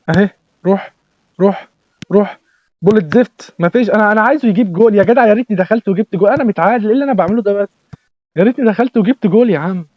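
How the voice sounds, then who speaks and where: A young man with an Egyptian Arabic accent giving excitable live commentary while playing a football game, shouting at the players. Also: high-pitched, highs cut off. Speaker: gaming YouTuber. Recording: clear background noise.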